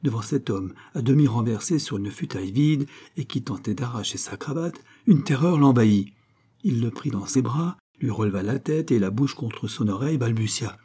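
A man reads a short story aloud as an audiobook narrator, measured and steady. His voice is dark and mellow, with a husky grain. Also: medium pitch.

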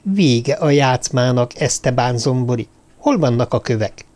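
A man's voice: mid-range voice, expressive, darkish tone, close to an everyday voice. A male narrator voicing a mysterious young woman who mocks and commands. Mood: furious. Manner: mocking, commanding. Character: mysterious young woman, mocking then furious.

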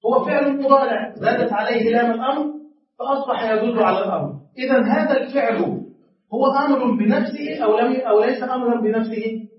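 A man's voice: very high voice, quick pace. A man teaching a grammar class, asking his students questions and then answering them himself. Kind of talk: classroom lesson. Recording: echoey classroom from far off, dull.

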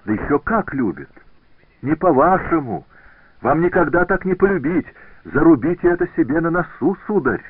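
A man's voice: mid-range voice, sing-song, normal speed, dry recording, pitched above the performer's own voice. A man voicing a jealous, tearful young woman in an audiobook reading, pleading and boasting by turns. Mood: indignant. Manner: pleading, then teasing and indignant. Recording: tinny phone-like dry recording.

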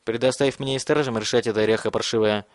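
A man voicing a stern teenage leader who gives calm, clipped threats. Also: medium pitch, fast, no room sound, studio quality, lightly acted.

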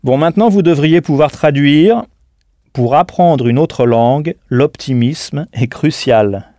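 A man leads a recorded audio language lesson in a mellow, dark-toned voice. He speaks patiently and deliberately, and he spells words out letter by letter. The recording is close and dry. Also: fairly high pitch, dry recording. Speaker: language teacher.

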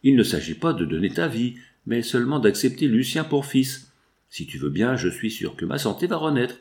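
A man's voice: medium pitch, sing-song, normal speed, a little mellow. A man reading aloud and voicing a frail young woman in love who pleads tearfully with her father. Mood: despairing. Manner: tearful, imploring.

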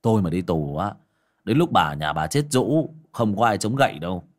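A man's voice: sits low, very animated, moderate pace. A man voicing a spoiled, greedy young man who talks down to his mother in a bossy, scornful way.

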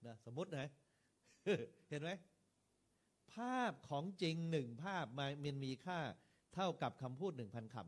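Lively, slightly high-voiced man lecturing. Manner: varied stress and rhythm, lively rises and falls; conversational, addresses listeners directly with questions. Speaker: Buddhist monk lecturer. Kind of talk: lecture to monks on preaching.

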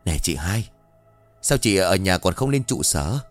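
A man voicing a blunt older neighbor woman from a village, who shouts and talks bluntly. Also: low-pitched, very animated, moderate pace, faint music behind. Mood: urgent.

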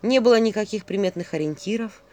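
An audiobook narrator reading a fairy tale with expressive storytelling. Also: medium pitch, quick pace.

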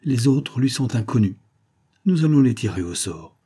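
A man voicing a brisk, commanding gentleman acting as a second in a duel, in an audiobook. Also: mid-range voice, animated, breathy edge.

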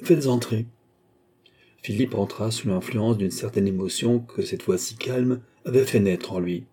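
Husky, dark-voiced male narrator. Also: fairly low pitch, moderate pace. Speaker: audiobook narrator. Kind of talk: scripted novel narration.

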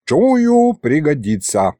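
A man's voice: a little high, wildly swooping pitch, slow, warm tone, no echo, full character voice. A man voicing a gloomy, self-important male ghost sorcerer who talks in old-fashioned words. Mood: grumbling. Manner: self-important, archaic wording.

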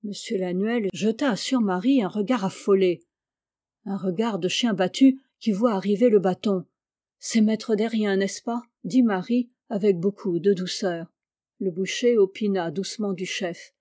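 A woman reading a crime short story aloud in a measured, steady narration. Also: medium pitch. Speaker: story reader.

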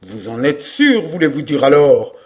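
A man reading as a blustering knight in an audiobook, scornful and sure of himself, his pitch swinging freely from high to low as he scoffs at the idea of ghosts. The reading stays close to the reader's own voice, with only a light touch of character. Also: very animated, measured pace, darkish tone. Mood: indignant. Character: boastful middle-aged male knight, mocking.

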